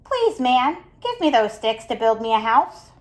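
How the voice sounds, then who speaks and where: A woman's voice: a little high, sing-song, measured pace. Woman doing a small plucky little pig. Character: small clever young male pig, polite and plucky.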